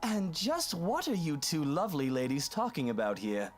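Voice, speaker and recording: A woman's voice: deep voice, sing-song, moderate pace, soft background music, voice pushed down. A woman voicing a smug, patronizing wealthy husband in a game playthrough. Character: smug wealthy husband, middle-aged man.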